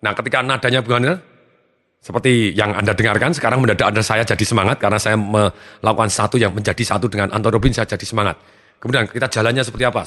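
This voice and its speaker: Fast-talking energetic male trainer. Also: medium pitch, long reverb tail. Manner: energetic, acts out his students' lines. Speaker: motivational trainer. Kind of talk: seminar talk.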